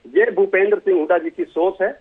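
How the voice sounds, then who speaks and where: A man's voice: sits high, steady tone, brisk, crowd noise. A man from Haryana, speaking as a party spokesman in a TV political debate, telling folksy anecdotes. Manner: folksy, tells anecdotes with acted quotes. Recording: tinny phone line.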